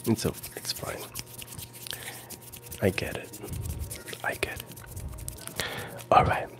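Whispering into a close handheld recorder with a foam windscreen, a man in his forties runs a playful ASMR stream, repeating words and phrases amid casual chat. He talks at a slow pace from a small room at home with a gaming screen, and the recording quality is low.

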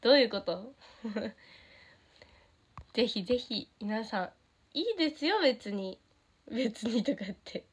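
With a fairly high, breathy voice and lively intonation, this teenage girl from Japan speaks at a measured pace with long pauses. She's an idol streaming to fans in a Kansai accent, chatting casually, reading their comments, giggling often and getting bubbly and delighted by them.

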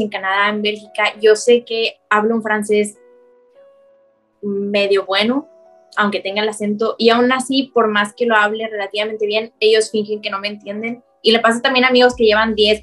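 Lively Mexican woman with a high voice. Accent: Mexican Spanish. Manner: animated storytelling, acting out quoted dialogue, laughing often. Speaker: guest, scientist. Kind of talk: casual podcast conversation.

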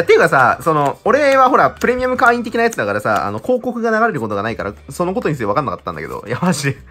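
A man in his twenties chatting casually and excitedly while opening trading-card packs, laughing often. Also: on the high side. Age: 20s. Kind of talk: casual chat while unboxing.

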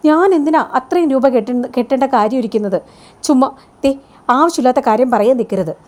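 A young woman who snaps back quickly and scolds without holding back, played by a woman retelling the story. Her voice sits a bit higher than a plain narrating tone. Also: expressive. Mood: indignant. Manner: sharp, scolding. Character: young woman, indignant and defensive.

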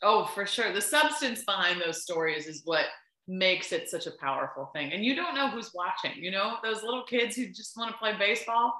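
A woman's voice: mid-range voice, lively intonation, normal speed, sharp tone, echoey room, rough recording. A woman in her thirties, a sports reporter, chatting enthusiastically over a video call and telling stories with lots of "um" and "like". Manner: enthusiastic, storytelling, frequent "um" and "like". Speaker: baseball sideline reporter and guest. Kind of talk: casual interview chat. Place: home room, on a video call.

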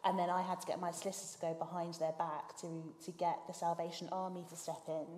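A woman on a panel, speaking as a barrister and telling a story with quick emphasis. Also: fairly low pitch, level tone, a little mellow, a little hiss or hum. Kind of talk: panel discussion. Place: lecture hall. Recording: roomy hall reverb, faint ambience.

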